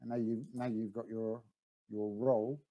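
A man's voice: fairly low pitch, flat delivery, normal speed, muffled recording. A man narrating as game master of a tabletop game, with frequent ums and restarts. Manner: hesitant, many ums and restarts.

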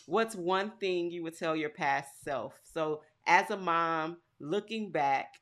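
A woman's voice: lowish voice, slow pace, fairly bright tone. A woman hosting a podcast, asking questions in an upbeat, chatty way. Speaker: podcast host. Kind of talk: casual interview chat.

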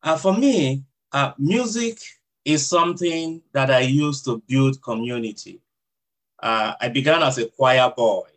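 Speaking in a mid-range voice, a man with a Nigerian accent who works as a hospital chaplain fields interview questions. His answers are measured and reflective, peppered with fillers.

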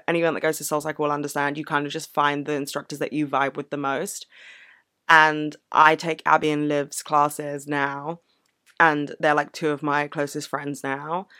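A woman's voice: deep voice, bright, forceful tone, clear, resonant tone, no echo, studio quality. A woman vlogger telling a personal story in a candid, earnest, casual way. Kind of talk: casual reflective Q&A vlog.

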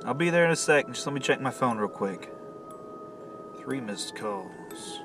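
A man's voice: medium pitch, expressive, normal speed, loud music behind the voice, close to an everyday voice. A man playing a jittery, paranoid man in a suspense audio drama, agitated and given to muttering to himself. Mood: forced calm. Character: jittery, paranoid man haunted by an unseen stalker.

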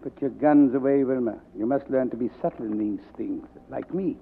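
An actor playing a suave, greedy fat crime boss with florid, courteous manners in a 1940s radio drama. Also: male voice, mid-range voice, normal speed, gravelly, a little hiss or hum, close to an everyday voice. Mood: smugly amused. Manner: florid, formal, courteous address. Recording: tinny vintage 1940s radio recording.

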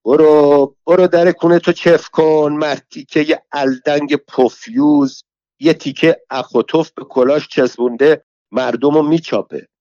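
A man doing a shrill, brawling old woman from a storybook, hurling curses in a raised, strained voice. The recording is dry and dull, with no room sound. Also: dry recording, lightly acted. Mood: scolding. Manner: shouting insults, abusive, theatrical. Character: shrill foul-mouthed quarrelsome old pilgrim woman.

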